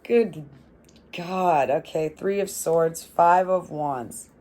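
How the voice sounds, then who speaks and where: A young adult woman giving a casual tarot reading, swearing freely, laughing often and rambling in an animated way. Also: lowish voice, slow. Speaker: tarot reader.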